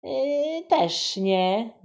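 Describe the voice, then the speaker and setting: A woman voicing a loud, boastful little girl who shouts and interrupts. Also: a little high, animated, very slow, voice pushed up, heavily acted. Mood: shrill boastful.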